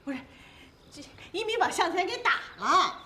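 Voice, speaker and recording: A bossy middle-aged mother talks loudly. Her voice is high and swings widely as she fusses and scolds in a family TV drama. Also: sing-song, normal speed, full character voice. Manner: loud, bossy, fussing.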